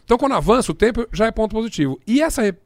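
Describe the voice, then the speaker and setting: A middle-aged Brazilian man, a journalist, telling anecdotes in conversation, animated and laughing often as he acts out the voices he quotes. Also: high voice, rapid-fire, no room sound.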